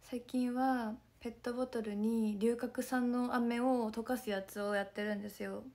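A young woman with a hoarse, scratchy voice talks casually to her fans on a phone livestream, pitched a little high. She rambles in a soft, friendly way and often drops into a breathy whisper. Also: fairly even intonation, moderate pace. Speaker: idol group member streaming to fans.

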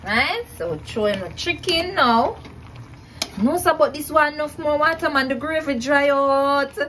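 A woman's voice: sits high, lively intonation, unhurried, a bit bright, slight background noise. A young woman with a Jamaican accent chatting casually as she cooks in her home kitchen, repeating herself and laughing at her own efforts. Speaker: cooking vlogger. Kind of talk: casual cook-along chat.

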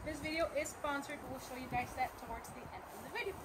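High, chatty woman touring an echoey empty house. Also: fast, background noise. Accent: Texan. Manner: chatty, enthusiastic, walking room to room. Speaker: family vlogger giving a house tour. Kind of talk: casual house-tour vlog. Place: large empty house, indoors, Texas. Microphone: camera held at a distance. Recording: echoey empty rooms, voice from far off.

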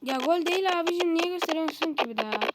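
A woman giving live commentary on her own football video game, excitable and easily frustrated, shouting when goals come. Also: very high voice, fast talker. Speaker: gaming video creator. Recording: loud background noise.

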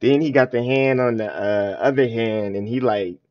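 A man's voice: medium pitch, moderate pace. A man streaming live, chatting loosely and reacting to a music video, with lots of slang and filler questions to his viewers. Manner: loose slangy talk addressed to chat, frequent filler questions. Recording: dull lo-fi stream audio.

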